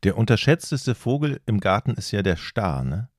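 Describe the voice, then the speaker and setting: Animated man explaining eagerly, dry sound. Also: fairly low pitch, moderate pace, no echo. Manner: explains eagerly, gets worked up. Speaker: podcast co-host. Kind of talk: casual chat.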